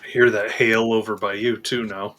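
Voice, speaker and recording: A man's voice: fairly low pitch, flat delivery, normal speed, fairly bright tone. A man chatting casually and unscripted as co-host of a live stream. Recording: faintly noisy live-stream audio.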